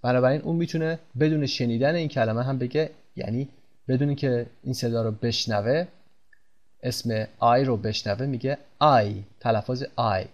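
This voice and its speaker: A man teaching English pronunciation in Persian, speaking slowly and repeating example words with stress. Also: medium pitch, lo-fi sound. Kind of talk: pronunciation lesson.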